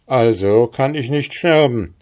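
A man voicing a self-assured old man in a fairy tale reading, speaking slowly and boastfully. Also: mid-range voice, a little mellow, voice pushed up, lightly acted. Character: old man who cannot die, smug.

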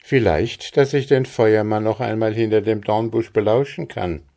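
A man reading the part of a steady, thoughtful young farm lad who speaks earnestly, in a storybook reading. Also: on the low side, pitched above the performer's own voice, lightly acted. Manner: deliberate, earnest.

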